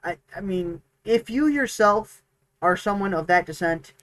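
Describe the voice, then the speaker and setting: A man's voice: sits high, animated, a little slow, fairly bright tone, rough recording. A man co-hosting a tabletop gaming podcast, chatting casually and rambling with many restarts and fillers. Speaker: podcast co-host, dungeon master. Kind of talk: casual chat.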